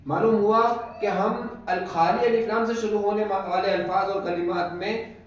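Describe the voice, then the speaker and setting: A man teaching rules of Quran reading in an online lesson, patiently repeating each rule several times. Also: sits high. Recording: echoey, dull, distant mic.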